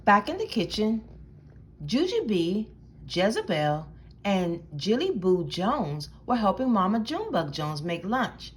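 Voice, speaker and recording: A woman reading a children's picture book aloud in an expressive, deliberate storytelling manner. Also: mid-range voice, a little hiss or hum. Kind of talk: animated picture-book read-aloud narration.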